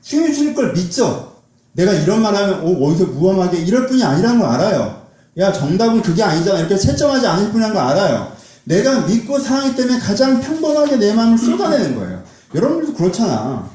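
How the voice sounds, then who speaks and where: Animated man preaching in an echoey hall. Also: high voice, quick pace. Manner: conversational, asks the congregation questions. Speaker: pastor. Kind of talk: sermon.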